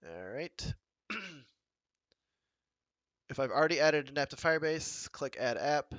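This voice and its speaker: A man co-hosting a coding livestream in a casual, halting way with many ums, speaking into a headset mic. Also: a little high, expressive, fairly bright tone, dry recording, dull audio. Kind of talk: casual live coding chat.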